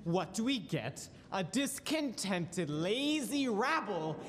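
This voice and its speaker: A man's voice: sits high, sing-song, exaggerated voice. A man playing a cold, haughty old businessman, the villain of a live radio play. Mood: scornful. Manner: haughty, deliberate. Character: cold, contemptuous, warped old male businessman. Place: large school auditorium stage. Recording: echoey auditorium.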